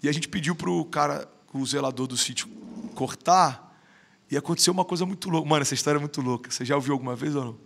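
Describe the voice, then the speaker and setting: Fairly high-pitched and quick, this man's voice carries vocal fry and a fairly bright tone. He's in his thirties, has a Brazilian Portuguese accent, and is a podcast guest spinning stories in an easygoing conversation. He talks with lots of slang and emphasis, and "mano" keeps coming up.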